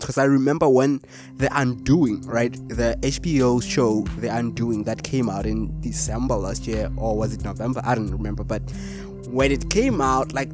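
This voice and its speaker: A man's voice: medium pitch, no echo, studio quality. A man co-hosting a casual film review chat, speaking emphatically and opinionated with casual slang. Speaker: podcast co-host.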